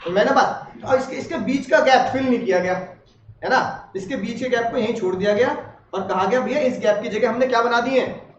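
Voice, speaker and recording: Brief: quick, very high-voiced male teacher, joking with students, recorded from across an echoey classroom. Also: a little hiss or hum. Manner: chatty, asks the class questions and jokes. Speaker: law teacher. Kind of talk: classroom lecture. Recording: roomy, distant, dull classroom recording.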